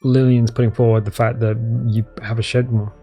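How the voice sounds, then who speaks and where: Guy running a tabletop game, hesitant stop-start narration, middle pitch, faint music under it. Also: flat delivery, brisk, warm tone. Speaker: game master. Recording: music playing behind the voice.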